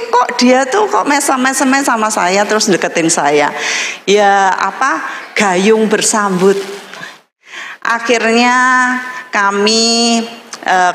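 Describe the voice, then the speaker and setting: A woman's voice: mid-range voice, slight background noise. A woman preacher, telling a story in a sermon, calling the audience "saudara" and acting out the voices she quotes. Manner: animated, acts out quoted voices. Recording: reverberant large hall.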